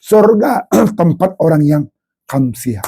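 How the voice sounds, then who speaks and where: Gravelly, slow-speaking pastor. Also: lively intonation, warm tone. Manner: dramatic, swinging between low Bible reading and high exclamations; repetitive rhetorical questions. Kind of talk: sermon.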